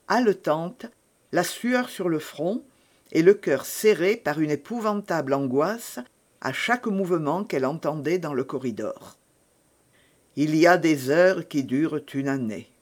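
A man narrating a classic novel in a slow, measured way, building drama. His voice sits a little higher than most men's. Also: expressive.

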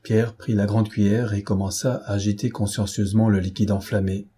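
A man's voice: fairly low pitch, level tone, brisk, mellow, breathy edge. A man reading a classic novel aloud as scripted narration, lifting his voice for the quoted officers. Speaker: audiobook reader.

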